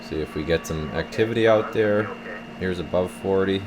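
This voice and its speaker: In a relaxed, unscripted demonstration, a man hosting a channel rambles on about a CB radio. His voice is low-pitched, his speed normal, and there is background noise.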